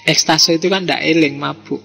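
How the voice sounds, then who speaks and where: A man with a Javanese accent and a fairly high voice lectures in a relaxed, teasing way, tossing rhetorical questions and slang at his audience. His voice rings through a large hall with a long reverb. Faint music sits underneath. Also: moderate pace, vocal fry, slightly rough. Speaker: lecturer on philosophy. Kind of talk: casual lecture to a live audience.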